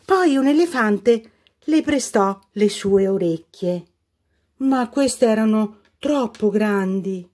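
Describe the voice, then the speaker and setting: A woman reading a children's fairy tale aloud as a storyteller, expressive and unhurried. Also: mid-range voice.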